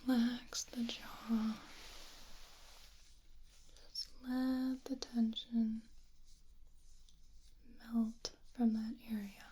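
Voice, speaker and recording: A woman doing a whispered role-play as a medical examiner, with a soft, soothing, breathy, hushed delivery. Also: fairly high pitch, little pitch movement, extremely slow, pauses often, slight background noise, low-quality recording. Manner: soft, soothing spa-like whisper with personal attention. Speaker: ASMR performer playing a medical examiner.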